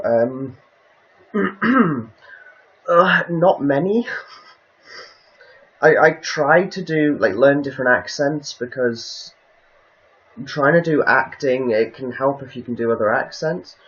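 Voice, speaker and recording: A man's voice: mid-range voice, slow, long pauses, highs cut off. A man chatting casually on a livestream, hesitant and rambling, with many ums and restarts.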